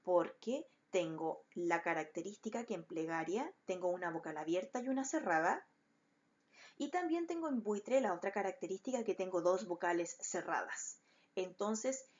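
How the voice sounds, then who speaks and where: A woman's voice: mid-range voice, expressive, unhurried, darkish tone, highs cut off. A woman teacher explaining a lesson patiently, step by step, to schoolchildren. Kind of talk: recorded online class.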